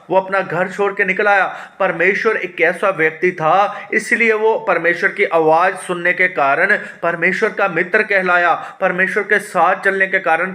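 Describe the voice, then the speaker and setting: A man's voice: high-pitched, pushed and bright. A pastor teaching a Bible study who reads verses aloud, then asks questions and answers them himself, often calling his listeners his dear ones.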